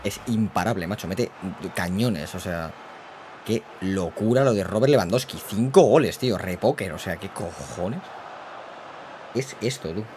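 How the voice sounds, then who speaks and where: Excitable gamer, low voice. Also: male voice, measured pace, slight background noise. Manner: excitable, slangy, yells at goals. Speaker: gaming YouTuber. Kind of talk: live gameplay commentary.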